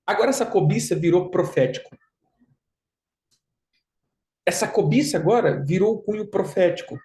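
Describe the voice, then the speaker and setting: Emphatic pastor in an echoey room. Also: male voice, high voice, animated, fast talker, warm tone. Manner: emphatic, repeats phrases, mocks with put-on quotes. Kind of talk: conversational sermon. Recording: roomy echo.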